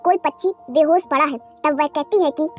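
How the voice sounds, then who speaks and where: A children's story is told at normal speed by a woman whose voice is extremely high. Soft music plays underneath, and the recording is slightly dull.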